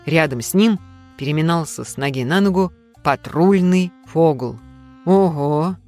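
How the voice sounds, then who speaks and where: A narrator giving a measured audiobook reading of a detective story. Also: medium pitch, expressive, a little mellow, faint music behind.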